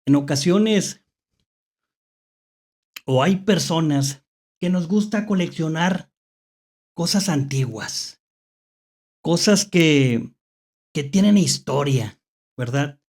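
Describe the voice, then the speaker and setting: Expressive yet slow, pausing often, this mid-range, darkish voice belongs to a Mexican-accented horror story host telling spooky tales unscripted. Phrases are hesitantly repeated, with rhetorical questions as check-ins.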